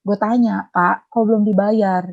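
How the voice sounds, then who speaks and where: A young woman chats casually on a podcast, telling a story and acting out phone calls with lots of slang and lively voicing. The audio sounds dull and lo-fi, typical of a home podcast recording. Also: medium pitch, a little slow, creaky. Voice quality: animated, acts out both sides of phone calls, slangy. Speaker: podcast guest, debt collector.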